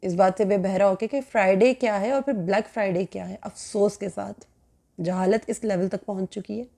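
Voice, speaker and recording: A woman teaches scripture in a long lecture, earnest and admonishing, often repeating a phrase to drive it home and dropping English words into her talk. Her voice is dark and mellow with a gravelly edge, and her pitch sits in the middle. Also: fairly even intonation. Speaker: Quran teacher. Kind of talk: religious lecture.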